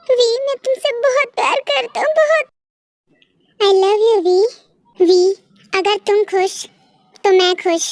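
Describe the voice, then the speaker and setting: Woman doing a lovesick, protective young man for a fan audio story, earnest and pleading, very high and dry. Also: fairly even intonation, extremely slow, long pauses, a little mellow, no echo, exaggerated voice. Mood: tender.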